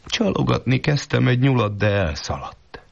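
A man's voice: mid-range voice, big pitch swings, vocal fry, voice pushed up, exaggerated voice. A man voicing a foolish, stubborn old peasant in a folk tale, talking in a plaintive, simple-minded way. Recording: dull lo-fi recording.

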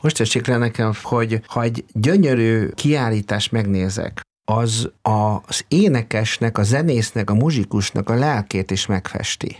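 An older man, a singer and voice teacher, talking in a measured, reflective way and sometimes searching for words. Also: lowish voice, a little mellow. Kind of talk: conversational interview.

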